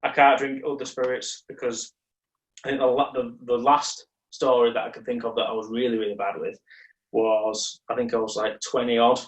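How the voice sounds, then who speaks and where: A man's voice: mid-range voice, flat delivery, normal speed, distant mic. Young male podcast co-host, rambling and self-mocking, voice well off the mic in an echoey room. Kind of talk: casual chat, storytelling.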